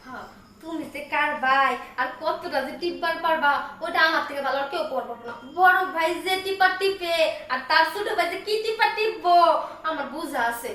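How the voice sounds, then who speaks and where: A young woman playing a bold, sharp-tongued wife of a man working abroad in a comic skit, recorded from far off in an echoey room. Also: very high voice, moderate pace. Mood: teasing, mocking. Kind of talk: comic village skit acting.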